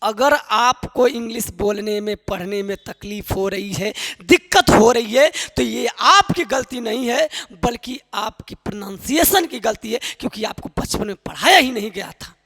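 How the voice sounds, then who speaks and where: A woman's voice: on the high side, lively intonation, moderate pace, few pauses, a bit bright. Woman teaching in a reverberant hall. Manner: keeps quizzing listeners with repeated questions; affectionate, encouraging teacher talk. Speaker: spoken English teacher. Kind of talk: online class lecture.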